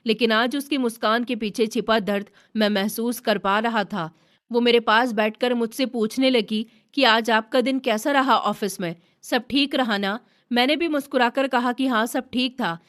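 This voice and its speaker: A woman reading a first-person story aloud in a steady, earnest narration. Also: a little high, normal speed.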